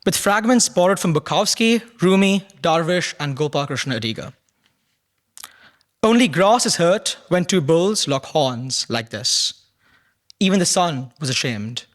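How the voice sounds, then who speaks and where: Solemn young man reciting poetry. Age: young adult. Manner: measured, solemn reading, dropping low and soft at line ends. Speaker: poet reading at a prize ceremony.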